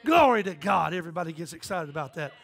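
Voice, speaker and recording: A man preaching a fiery sermon as pastor in a church, shouting and whooping with the congregation. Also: on the high side, animated, quick pace, gravelly. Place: church sanctuary.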